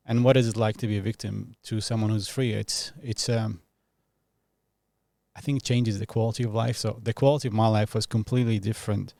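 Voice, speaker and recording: Low, gravelly-voiced man in his thirties. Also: a little mellow, dry recording, clean studio sound. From Iraq. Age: 30s. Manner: thoughtful, pauses often, laughs easily. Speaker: podcast guest. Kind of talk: casual reflective interview talk.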